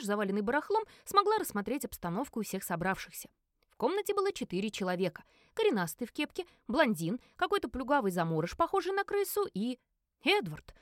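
A woman narrates a first-person novel with wry, animated storytelling. Her voice sits fairly high and swings widely in pitch. The sound is dry and close. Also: no room sound. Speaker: audiobook reader.

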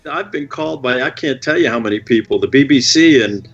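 A man guesting on a podcast, telling stories in an animated way and swearing freely. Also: medium pitch, a little fast, breathy edge, lo-fi sound. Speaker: film director guest. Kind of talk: podcast interview.

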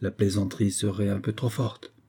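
A man's voice: lowish voice, level tone, moderate pace, creaky, mellow, husky, heavily acted. A man voicing a sarcastic, insolent Swedish grenadier who mocks an officer with cool irony. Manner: mocking, coolly ironic.

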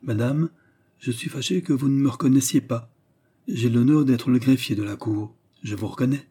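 A man reading the part of a stern, formal male court clerk who speaks in a measured, solemn way. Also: medium pitch, dark tone, slightly rough, natural voice.

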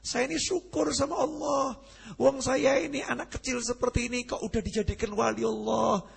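A man voicing a small, devout boy, the young son of a saint, quoted softly and earnestly within a sermon. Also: very high voice, steady tone, normal speed, gravelly, husky, exaggerated voice. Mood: earnest joy.

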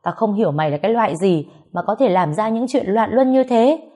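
Lightly acted and pushed up, this woman's medium-pitched, warm voice moves briskly as she portrays an abusive middle-aged mother in an audio story. The character screams insults at her daughter, harsh, scolding and furiously shouting.

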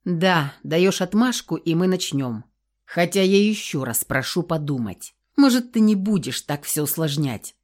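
A cautious male helper calmly reasons and warns his boss, as a woman narrator puts him on. His voice sits lower and steady in the audiobook. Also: measured pace. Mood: warning. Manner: calm, reasoning, warning. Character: cautious male assistant, warning friend. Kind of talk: audiobook character voice.

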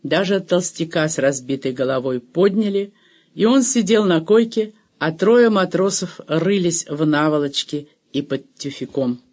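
A high-pitched man reads a novel aloud. His narration is steady and measured, with a careful literary tone. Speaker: audiobook narrator. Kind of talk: scripted narration.

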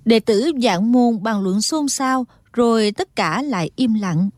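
A woman narrating a martial-arts novel in a steady, dramatic storytelling tone. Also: a little high, unhurried, no echo. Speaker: audiobook narrator.

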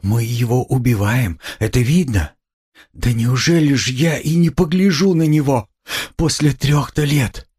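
A man reading an audiobook, voicing a timid, frightened mother who pleads in high cries. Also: a little slow, darkish tone, husky. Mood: tearful.

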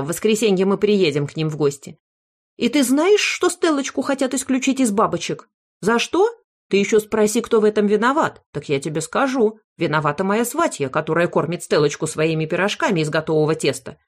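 A woman voicing a fussy, loud old grandmother in an audiobook, who is indignant and blames everyone else. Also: mid-range voice, pitched above the performer's own voice, lightly acted. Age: older. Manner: indignant, bossy, blames others. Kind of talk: audiobook character voice.

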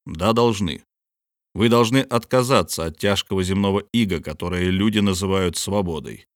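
Low-pitched stern ship captain, cold measured commands, dry close sound, read by a man. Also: dry recording, lightly acted. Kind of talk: audiobook character reading.

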